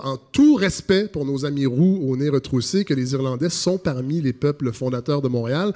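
A man's voice: mid-range voice, mellow. A man, hosting a podcast and delivering satirical news commentary in a mock-serious, ironic way with many hesitations. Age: 40s. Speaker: podcast host.

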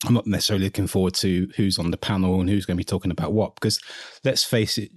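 A man's voice: low voice, steady tone, very fast, breathy edge, no echo. A man co-hosting a podcast, talking casually and chewing pizza while he speaks, sometimes swearing. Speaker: podcast co-host. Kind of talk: casual chat.

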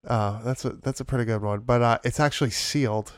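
A man's voice: mid-range voice, steady tone, a little fast, smooth, no room sound, clean studio sound. A man with a nasal voice stuffed up by a cold, hosting a casual, slangy movie podcast. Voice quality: nasal, congested. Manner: informal, slangy, sweary. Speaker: podcast host.

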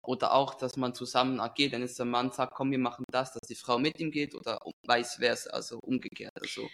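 A young man interviewing in a casual chat, asking halting questions. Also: mid-range voice, steady tone, creaky, fairly bright tone. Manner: hesitant questions with many fillers and restarts.

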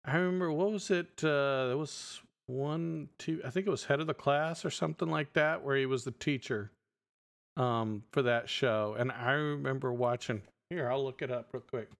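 A man's voice: medium pitch, normal speed, vocal fry. A middle-aged man co-hosting a podcast, chatting in a loose, rambling way with plenty of fillers. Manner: relaxed, rambling, many fillers. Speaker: podcast co-host. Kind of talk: casual chat.

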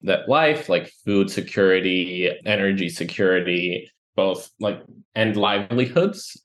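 A low-voiced man from Ecuador, a company co-founder and CTO, answers podcast interview questions as a guest. He explains things and lists items, with some restarts along the way.

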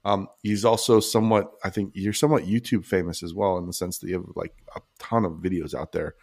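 A man's voice: sits low, fairly even intonation, brisk, breathy edge, dry recording, studio quality. A man hosting a podcast, casually introducing his guest with some fillers. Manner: warm, praising introduction with fillers. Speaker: podcast host.

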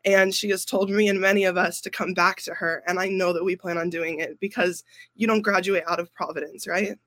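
A man's voice: high-pitched, steady tone, fairly quick, pushed and bright, no room sound. A young man, a graduating student council member, talking casually on a podcast, emotional and effusive.

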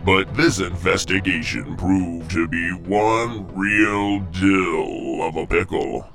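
A very low-voiced man narrates in the manner of an old radio drama. He takes his time, delivering the scripted mystery recap theatrically with suspenseful pauses over music. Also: fairly even intonation.

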